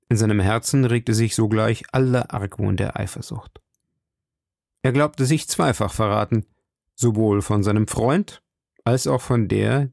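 A man narrates an adventure novel in a steady, measured storytelling voice. His tone is gravelly at mid pitch. The recording is dry and close. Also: dry recording. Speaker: audiobook narrator. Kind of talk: scripted narration.

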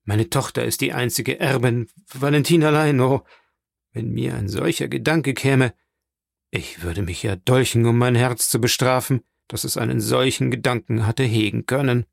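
A man's voice: medium pitch, normal speed, gravelly, no echo, clean studio sound. A man reading an audiobook, voicing a distraught nobleman magistrate in a pleading, anguished manner.

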